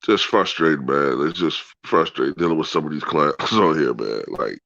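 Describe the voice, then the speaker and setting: A man's voice: rumbling low, expressive, normal speed, creaky, a bit bright, dull audio. A man chatting casually and profanely as a sports livestream host, his nose stuffed up by a cold so he sounds congested and nasal. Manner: profane, colloquial, peppered with "man" and "you know". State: congested with a head cold, clearing throat. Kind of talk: casual rambling chat to live viewers.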